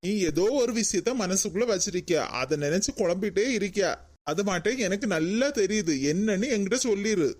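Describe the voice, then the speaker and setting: A woman's voice: medium pitch, a little fast, darkish tone, natural voice. Cartoon casting: a daughter-in-law, voiced by a woman with an everyday mid-range voice, probing and insistent, with a Kanyakumari Tamil accent. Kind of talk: animated comedy cartoon voice.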